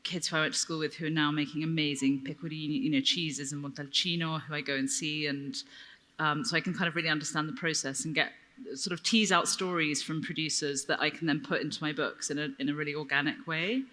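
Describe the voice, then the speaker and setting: A woman's voice: low voice, steady tone, fast, sharp tone. A woman in her thirties chatting on a panel as a food writer, recorded with long hall reverb. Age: 30s. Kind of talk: casual panel conversation.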